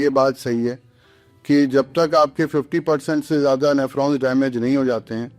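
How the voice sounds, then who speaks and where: A man's voice: mid-range voice, dry recording. Doctor guy explaining stuff, earnest, dry studio sound, faint music under. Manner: earnest, mixes English phrases into Hindi. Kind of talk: explanatory podcast talk.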